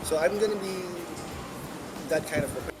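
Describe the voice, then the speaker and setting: A man's voice: high voice, fairly quick, low-quality recording. A male music teacher answering interview questions hesitantly, with many fillers and restarts. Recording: loud background noise, air conditioning.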